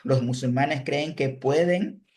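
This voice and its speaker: A man giving an online religion lesson, explaining step by step, pausing to correct himself and checking in with his listeners. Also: medium pitch, darkish tone. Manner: self-correcting, pauses to fix slips. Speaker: religion teacher. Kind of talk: online class lecture.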